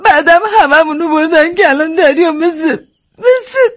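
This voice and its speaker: Brief: woman voicing a desperate young mother in tears, pleading sobs, pitched very high. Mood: sobbing, pleading. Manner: pleading, sobbing. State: crying. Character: distraught young mother sobbing for her child.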